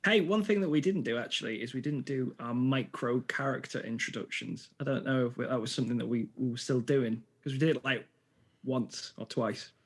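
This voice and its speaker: A man playing in a tabletop game, chatting casually and hesitantly, with many pauses and fillers. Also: mid-range voice, breathy edge. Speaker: player. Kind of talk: casual chat.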